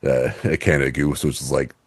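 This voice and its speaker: A man co-hosting a podcast in a casual, rambling way, piling up fillers and false starts. His voice sits very deep and low. The recording is close and dry. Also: little pitch movement, fairly quick, husky, no room sound. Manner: rambling storyteller, many fillers and restarts, laughs easily. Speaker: podcast co-host. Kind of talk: casual chat.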